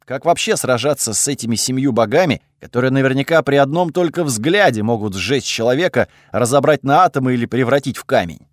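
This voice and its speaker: A man reading a fantasy audiobook in the first person, measured storytelling. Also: mid-range voice, lively intonation, no room sound, studio quality. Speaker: audiobook narrator.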